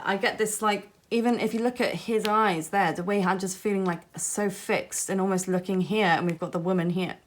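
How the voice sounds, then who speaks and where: A woman giving a pick-a-card tarot reading straight to the viewer. She talks in a musing, gently reassuring way and often softens her points with "I feel". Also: lowish voice.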